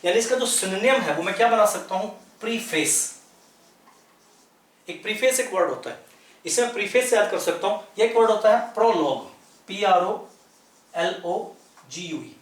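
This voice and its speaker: In a roomy-sounding recording, a man with an expressive, high-pitched voice moves at a moderate pace with long pauses. He stands at a chart explaining a lesson in Hindi, patiently teaching English vocabulary and spelling the words letter by letter.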